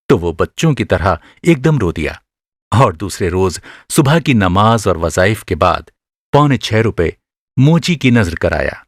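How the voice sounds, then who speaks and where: A man with a fairly low voice narrates a literary short story for a radio drama, delivering it expressively and measuredly with careful phrasing. The sound is clean studio audio with no room sound.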